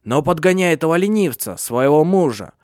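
A man's voice: on the high side, lively intonation, a little fast, no echo, studio quality, voice pushed up, lightly acted. A man voicing an ancient bedridden witch, an old woman who talks sharply and scornfully in an audiobook. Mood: scolding. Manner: sharp, scolding, imperious. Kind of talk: audiobook character voice.

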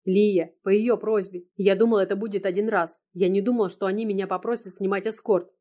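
A broken young man, tearful and desperate, pleading for help, read by a woman in an audiobook. His voice sits in a middling pitch and sounds choked with despair. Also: fairly even intonation, fairly quick, dark tone, natural voice. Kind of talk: audiobook reading.

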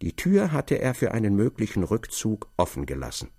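Gravelly, expressive male narrator. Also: on the low side, no echo, studio quality. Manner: expressive, measured storytelling. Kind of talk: literary audiobook narration.

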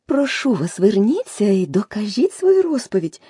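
Storybook: a woman plays an earnest little girl, breathy and lively, bouncing pitch. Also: normal speed, no echo, clean studio sound. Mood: polite, eager. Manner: soft breathy half-whisper, earnest. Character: curious polite little girl, easily upset. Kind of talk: audiobook reading.

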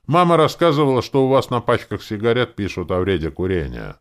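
A man's voice: fairly low pitch, sing-song, a little fast, pitched above the performer's own voice. Male reader as sullen female town hall clerk, sweary and glum.

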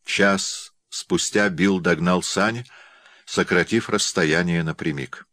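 A man narrating a classic novel as an audiobook in a measured, steady reading. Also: sits low, dry recording. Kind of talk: scripted literary narration.

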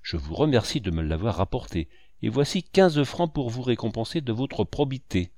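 A man's voice: medium pitch, expressive, normal speed, no room sound, clean studio sound. A man voicing a gracious, generous wealthy lady in a storybook reading. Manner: gentle, gracious.

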